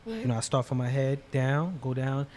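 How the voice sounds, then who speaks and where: A man co-hosting a casual podcast, telling stories in relaxed slang with lots of fillers. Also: medium pitch, moderate pace, slight background noise. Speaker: podcast co-host.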